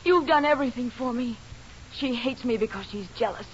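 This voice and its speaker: A woman's voice: fairly high pitch, brisk, natural voice. An actress playing a neurotic, scheming young woman in a 1940s radio drama, pleading and then coldly possessive. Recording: dull old radio broadcast, faint hiss.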